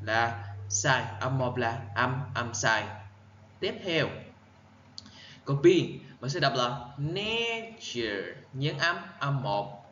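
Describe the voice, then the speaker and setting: A male English teacher with a Vietnamese accent, giving an exam-prep lesson. He reads words out carefully, repeats them for pronunciation and explains in quick bursts. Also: medium pitch, pushed and bright, reverberant, lo-fi sound, slight background noise. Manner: reads answer options slowly, then explains in quick bursts.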